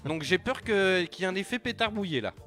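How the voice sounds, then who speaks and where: A man's voice: high-pitched, quick pace. A man hosting a live radio show in a studio, joking and slangy with many fillers. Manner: excitable, joking, slangy and swearing. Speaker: radio host.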